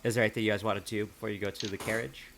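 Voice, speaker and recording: A man's voice: on the low side, flat delivery, rapid-fire, vocal fry, a bit bright, slight background noise. A man running a tabletop game as game master, casual with many fillers.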